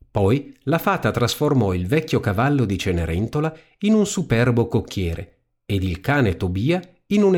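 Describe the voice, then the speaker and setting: Expressive male storybook narrator. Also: mid-range voice, husky.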